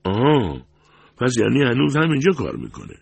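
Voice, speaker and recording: A man's voice: medium pitch, huge pitch swings, gravelly, husky, no room sound, voice pushed up, full character voice. A man voicing a restless man who keeps pressing to learn where a missing waitress went, in an anxious, insistent manner. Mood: probing.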